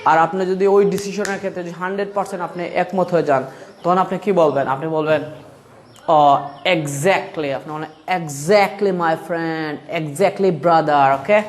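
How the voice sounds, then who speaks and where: A man's voice: on the high side, steady tone, a little hiss or hum. Bengali-accented man teaching English phrases. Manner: mixes Bengali and English, calls the listener man and brother, repeats phrases slowly. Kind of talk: spoken English lesson for beginners.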